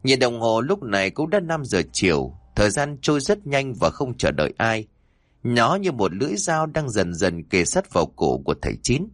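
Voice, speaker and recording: A man narrating a horror story in a suspenseful, expressive way. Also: medium pitch, normal speed, no echo, studio quality.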